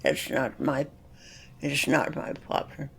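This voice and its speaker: A woman's voice: a bass voice, animated, takes it slowly, vocal fry, a bit bright, slightly rough. A hundred-year-old woman from Denmark, plainly recalling her life in a documentary interview. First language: Danish. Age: 100s. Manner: plainspoken, matter-of-fact reminiscing.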